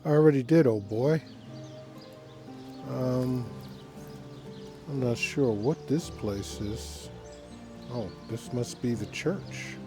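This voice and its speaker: A man's voice: mid-range voice, takes it slowly, pauses often. A man casually commentating as he plays a game and reads dialogue choices aloud. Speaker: game player. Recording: game music behind the voice.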